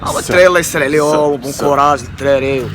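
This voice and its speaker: A man's voice: a little high, very fast, noisy background. A man with a Moroccan Darija accent, a friend of the vlogger, talking earnestly and giving blessings and advice. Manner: earnest, full of blessings and wise remarks.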